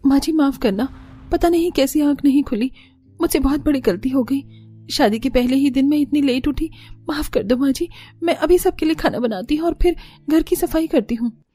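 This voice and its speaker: Woman voicing a high-pitched anxious orphan bride for an animated story, soft mellow tone, tearful pleading. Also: moderate pace, soft background music, lightly acted. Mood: apologetic.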